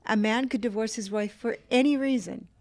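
A woman guest on a faith talk show, telling a personal story with emotion, dropping to a hush and then turning animated. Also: fairly high pitch, fairly quick, no room sound. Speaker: guest author.

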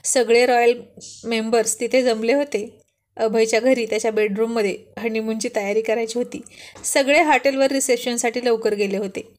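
A woman tells a story with a playful, chatty lilt. Her voice sits a little high, and she drops quick asides to the listener between scenes. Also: fairly even intonation. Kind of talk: narrated story.

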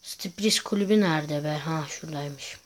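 A man's voice: a little high, moderate pace, a little hiss or hum. A man giving casual gameplay commentary to viewers, chatty and full of crude jokes. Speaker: gaming YouTuber host.

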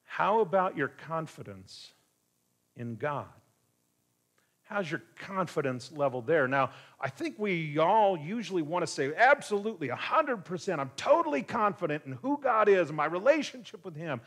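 A man's voice: on the high side, big pitch swings, normal speed, fairly bright tone. Man preaching a reflective sermon. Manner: conversational, reflective preaching with rhetorical questions. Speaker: pastor. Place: church.

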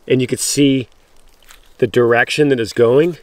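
A man records a walking vlog outdoors in rural woods on a handheld camera, showing off storm damage. Medium-pitched and normally paced, he's excitable, addressing viewers as "guys" and stopping and restarting sentences, with slight background noise.

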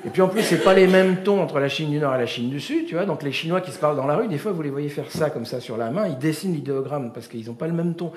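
A middle-aged man giving a comic storytelling lecture, animated and full of imitated voices and sounds, with many restarts. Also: a little high, fast talker, few pauses, echoey room, a little hiss or hum. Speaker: performer of a gesticulated lecture.

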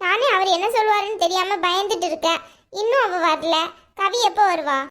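A woman's voice: extremely high pitch, fairly quick, a bit bright. A woman voicing a timid young village wife in a cartoon, with a Kanyakumari Tamil accent and a meek, pleading manner. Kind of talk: cartoon voice acting.

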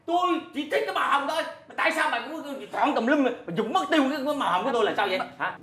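A man's voice: on the high side, fast talker, reverberant, lightly acted. A man playing a blustering, grumpy young husband. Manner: blustering at his wife, meek toward his mother. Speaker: husband and son. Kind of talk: sitcom acting.

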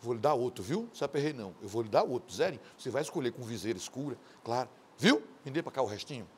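A man hosting a TV show, delivering loud, mocking studio commentary, shouting at times and acting out quoted voices. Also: mid-range voice, animated, rapid-fire, a little hiss or hum. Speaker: TV host.

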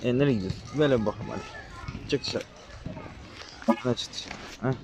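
This young YouTuber talks a little fast at a medium pitch while casually commentating on a game. He orders the characters on screen around in a slangy, rough manner, over a noisy background.

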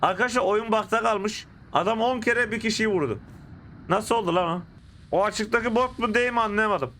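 Excitable young man with a lisp. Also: high-pitched, brisk, slight background noise. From Turkey. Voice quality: slight lisp from dental braces. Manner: excitable, exclaiming at the action. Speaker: mobile game streamer. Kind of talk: casual gameplay commentary. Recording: gameplay audio and gunfire behind.

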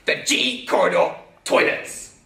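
A man playing an excitable history documentary presenter, speaking theatrically. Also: measured pace, slight background noise. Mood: enthusiastic. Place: school toilets, indoors. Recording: echoey tiled room from far off.

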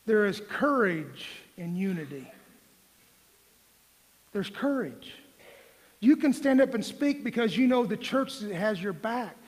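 A man in his forties with a notably high voice delivers a sermon, mixing folksy jokes with pointed, emphatic questions. His words trail into the long reverb of a church sanctuary. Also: big pitch swings, slow, pauses often. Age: 40s. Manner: folksy, joking asides, rising to emphatic questions. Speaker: pastor.

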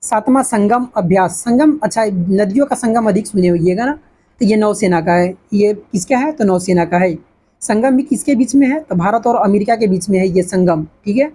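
A woman's voice: mid-range voice, normal speed, warm tone, breathy edge. A woman teaching an exam-prep lesson, asking questions and answering them herself. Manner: repetitive, asks and answers her own questions.

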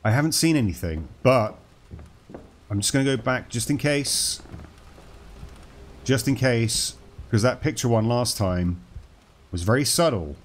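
A man's voice: mid-range voice, lively intonation, unhurried, pauses often. A man casually commenting on a horror game as he plays, joking and talking to the game's characters. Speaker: gaming channel host.

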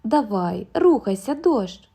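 A woman's voice: medium pitch, steady tone, normal speed, mellow, lightly acted. A woman voicing an anxious wife who urges her husband to leave and pleads with him. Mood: eager. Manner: urgent, pleading.

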